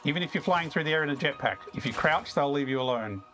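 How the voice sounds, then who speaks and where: An Australian man chatting casually with viewers as he streams a video game, easygoing and quick to chuckle. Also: on the high side, expressive, a bit bright, soft background music. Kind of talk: casual live-stream chat while playing.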